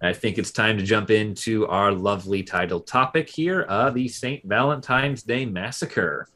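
A man with a fairly low voice co-hosting a casual history podcast. He talks in a relaxed way, often pausing on filler sounds as he retells events. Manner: relaxed, many filler uhs. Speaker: podcast co-host.

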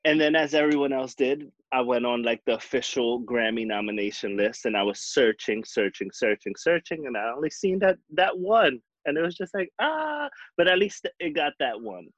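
Man, guest, casual fan chat, relaxed and chatty, muffled lo-fi audio, dry sound. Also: medium pitch, brisk, few pauses, dry recording. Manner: relaxed, chatty, with fillers and laughs.

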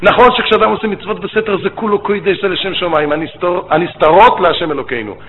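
A man who is a rabbi and educator, giving a religious lecture as animated storytelling with rabbinic phrasing. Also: high-pitched. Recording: tinny phone-like line with faint noise.

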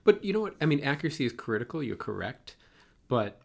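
A man's voice: medium pitch, big pitch swings, fast talker, creaky. A man with a Boston accent interviewing in a casual, conversational way, thinking aloud and checking his points as he goes.

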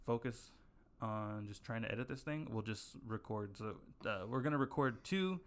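A man's voice: medium pitch, expressive, moderate pace. A young man co-hosting a podcast, telling a long story in casual chat with many fillers and restarts. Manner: rambling, filler-heavy storytelling. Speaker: podcast co-host.

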